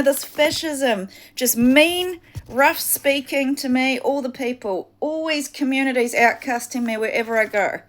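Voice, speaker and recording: Woman, high voice, distraught rambling to-camera plea. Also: fairly bright tone. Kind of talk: monologue to camera.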